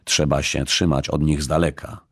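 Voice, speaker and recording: A man's voice: very deep voice, level tone, moderate pace, a bit bright, dry recording, clean studio sound, exaggerated voice. A man voicing a grumpy, snobbish middle-aged male caretaker who blusters and snaps. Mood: grumbling. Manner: gruff, blustering, short-tempered.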